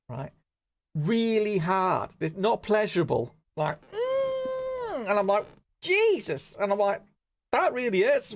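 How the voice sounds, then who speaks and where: A man's voice: on the high side, vocal fry. A middle-aged man, hosting a live stream and telling a casual anecdote, often checking in with "right?" and "you know what I mean?".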